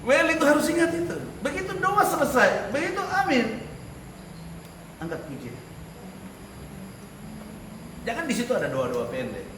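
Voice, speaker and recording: A man teaching a church class on leading worship, lively, with rhetorical questions and frequent laughter. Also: extremely high pitch, moderate pace, long pauses. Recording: echoey room, mic far off, noisy.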